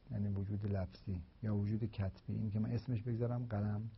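A man lecturing on philosophy of language, explaining slowly and deliberately with repeated examples. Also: lowish voice, slight background noise. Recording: dull, lo-fi recording.

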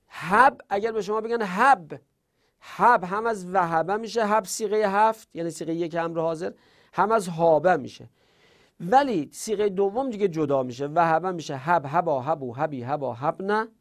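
Gravelly-voiced man teaching grammar. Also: high-pitched, expressive. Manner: drills conjugation lists, trailing off quietly at line ends. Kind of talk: classroom lesson, reciting verb conjugations.

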